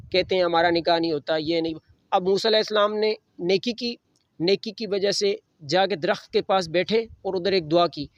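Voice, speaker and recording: A man gives a religious lesson in a voice that sits high for a man. He recites scripture slowly and explains each verse plainly. The recording is close and dry, with a muffled, dull tone. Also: no room sound. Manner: recites Arabic verses slowly, then explains them in Urdu. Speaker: Quran teacher.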